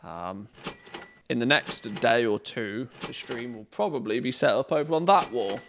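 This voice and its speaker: A man chatting casually to viewers on a game livestream, rambling informally, with a gravelly voice. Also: medium pitch, expressive, moderate pace, a bit bright, a little hiss or hum. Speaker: game streamer and video maker. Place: indoor studio room padded with cushions against echo.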